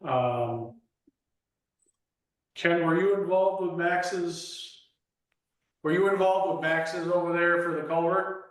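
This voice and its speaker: A man giving a club treasurer's and trail report at a meeting, reading figures slowly with many fillers. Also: a little high. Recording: echoey room, mic far off.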